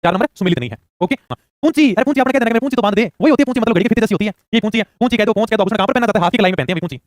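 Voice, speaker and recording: A man runs through exam questions at breakneck speed. His voice sits high and he keeps pushing students to answer quickly. The recording is dry and close. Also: dry recording. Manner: rapid-fire, urging answers fast. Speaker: exam coaching teacher. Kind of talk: rapid quiz-style lesson.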